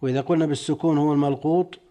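A man teaching as a sheikh. He reads out classical commentaries and explains them deliberately, drawing out key words. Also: a little high, steady tone, mellow.

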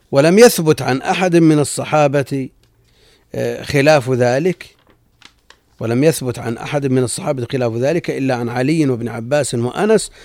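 A man teaching as a sheikh, reading out a classical text and explaining it in a measured way, often repeating lines for emphasis. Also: mid-range voice, a little mellow, no echo, studio quality.

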